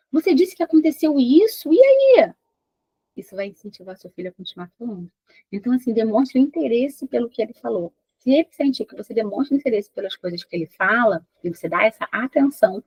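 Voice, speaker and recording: Brazilian woman as a parenting coach, husky voice, dry close sound, explains things and asks the viewer questions. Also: fairly high pitch, darkish tone, no room sound, low-quality recording. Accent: Brazilian Portuguese. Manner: explanatory, addresses the mother directly with rhetorical questions. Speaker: parenting educator. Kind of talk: direct-to-camera advice talk.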